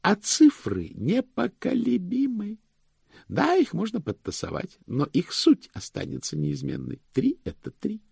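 A man's voice: sits high, huge pitch swings, a little slow, vocal fry, darkish tone, breathy edge, dry recording, studio quality, voice pushed up, full character voice. A man reading an audiobook, voicing a proud and exacting older male head cashier who lectures in a lofty, pompous way. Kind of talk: audiobook character voice.

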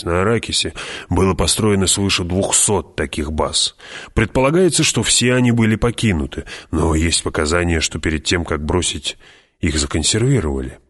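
A man reading an audiobook, voicing a loyal advisor who speaks carefully and in measured warnings. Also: deep voice, fairly bright tone, voice pushed up.

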